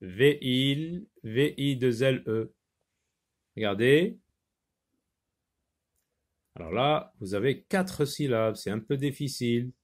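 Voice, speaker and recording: A man's voice: mid-range voice, animated. A man teaching a phonics lesson, patiently repeating words and spelling them out letter by letter. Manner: slow, deliberate word repetition.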